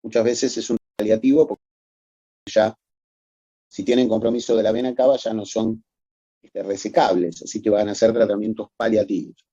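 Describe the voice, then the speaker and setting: A man's voice: on the low side, steady tone, moderate pace, pauses often, warm tone, husky, no room sound, highs cut off. A man giving a recorded medical lecture, explaining methodically and addressing students formally.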